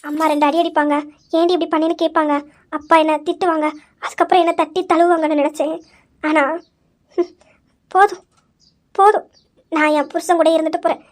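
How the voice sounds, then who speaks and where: A woman voicing a hurt young wife who speaks low and subdued about her family's rejection. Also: fairly even intonation, fairly quick, long pauses.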